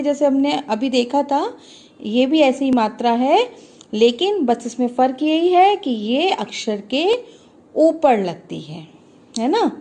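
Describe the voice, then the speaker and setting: Indian lady teacher, high voice, slow and patient, sounding out syllables for little kids. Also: warm tone. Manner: encouraging, drawn-out sounding of syllables. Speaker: school teacher. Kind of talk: slow, patient classroom teaching for young children.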